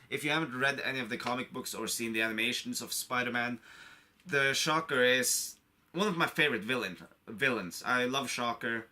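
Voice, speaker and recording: A medium-pitched male voice, pushed and bright, belongs to an online creator reviewing a film. Getting over a cold, he speaks casually to camera without a script, an avid fan prone to rambling and repetition.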